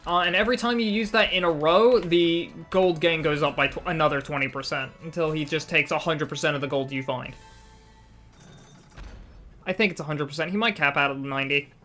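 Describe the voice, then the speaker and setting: A woman's voice: sits low, a little fast, fairly bright tone, faint music behind. A young woman casually commenting on gameplay, reading item text aloud in a chatty, self-mocking way. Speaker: game streamer.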